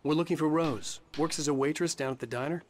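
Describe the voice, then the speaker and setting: A man's voice: fairly high pitch, fast talker, a little hiss or hum, lightly acted. A man voicing a troubled thriller writer, narrating a video game in a brooding, literary way. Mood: businesslike. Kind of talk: scripted dramatic narration. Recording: loud music behind the voice.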